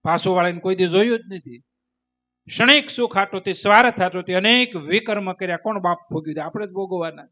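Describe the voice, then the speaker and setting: High-voiced preacher. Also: male voice, brisk, sharp tone. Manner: emphatic, repetitive, rhythmic preaching. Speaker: spiritual teacher. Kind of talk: devotional sermon with storytelling. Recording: dull lo-fi recording.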